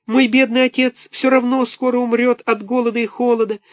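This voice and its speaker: A tiny wooden puppet boy from a storybook, squeaking far above a normal voice. He whimpers and pleads in a thin, tearful tone. The recording is close and dry. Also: little pitch movement, brisk, no echo. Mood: pleading whine.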